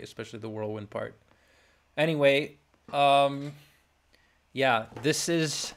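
A young man hosting a podcast, chatting casually and hesitantly as he comments on a game. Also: medium pitch. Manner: soft-spoken, hesitant, trailing off. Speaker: podcast host.

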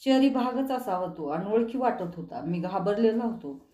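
A woman's voice: mid-range voice, expressive, normal speed, dark tone, roomy sound, lightly acted. A woman voicing a shaken, exhausted man recalling a vision. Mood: haunted.

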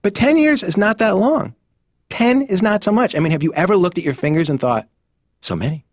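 In an animated sitcom, a man in his thirties voices a neurotic 39-year-old therapy patient who worries about getting older, performing a stand-up style monologue. He sounds anxious and incredulous, with a high, expressive, brisk delivery that's emphatic and fretful, and he mimics other people. The cartoon audio is dull and muffled, with no room sound.

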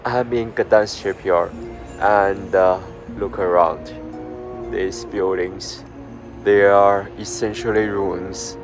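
Deep-voiced man vlogging among ruins. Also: steady tone, slow pace, music in the background, poor audio. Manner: chatty, explaining on the move. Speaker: travel vlogger. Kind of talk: travel vlog narration.

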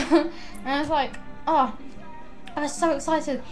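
A young woman vlogging to her camera, rambling excitedly and giggling as she chats. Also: high voice, unhurried, loud music behind the voice. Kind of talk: casual chatty vlog.

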